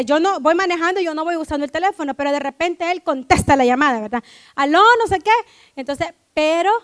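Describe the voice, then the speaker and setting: A woman preaching a lively church sermon, often checking in with her listeners and acting out family scenes. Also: very high-pitched. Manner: animated, keeps asking "right?", acts out family quotes.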